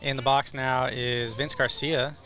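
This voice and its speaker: Male baseball play-by-play announcer, bright forward voice, live game commentary. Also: medium pitch, flat delivery, a little slow.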